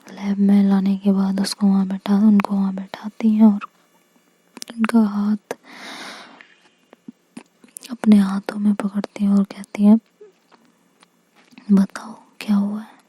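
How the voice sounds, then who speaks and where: A young woman telling a story as whispered role-play, soft, slow and gentle, voicing the characters' words under her breath. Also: medium pitch, breathy edge, low-quality recording.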